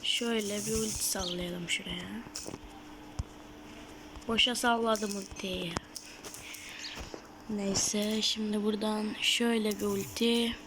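A woman giving live gameplay commentary on her gaming channel, excitable, shouting at opponents and then dropping to a murmured whisper. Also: medium pitch, slow, long pauses, noisy background.

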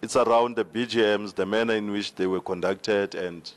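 A man with a South African accent answering formally at a town hall debate, speaking into a handheld mic in a large hall, with measured hesitations. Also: fairly low pitch, fairly even intonation. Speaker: regional party official on a panel. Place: large indoor hall with seated audience. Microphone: handheld microphone.

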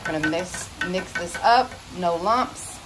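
Speaking unhurriedly in a lowish voice, a home cooking vlogger chats her way informally and folksily through a cook-along. It's recorded indoors in her home kitchen, with the frying sizzle and kitchen noise clearly heard.

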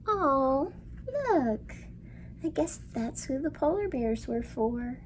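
A middle-aged woman, a children's librarian hosting storytime, talks simply to young children in an indoor room with a storytime backdrop visible. Her high, animated voice moves at a slow pace, with questions and exaggerated delivery. There is slight background noise.

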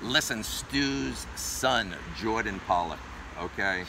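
A middle-aged man hosting a street interview outdoors, asking quick, upbeat questions. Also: fairly low pitch, expressive, creaky. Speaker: host. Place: outdoor parking lot. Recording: outdoor traffic noise. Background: traffic and outdoor ambience.

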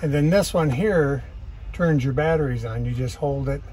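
A man's voice: on the high side, normal speed, a little mellow. A middle-aged man casually walking through a new camper van's features step by step, recorded on a phone in a big factory bay. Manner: plainspoken, explains step by step. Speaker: factory walkthrough guide. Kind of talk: casual demonstration. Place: large indoor factory bay.

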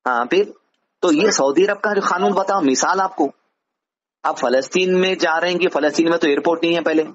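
On a dull, lo-fi phone recording, a man with a Hyderabadi accent answers a caller as an advisor. His voice is a little high and a little fast, and he explains things didactically, often posing rhetorical questions.

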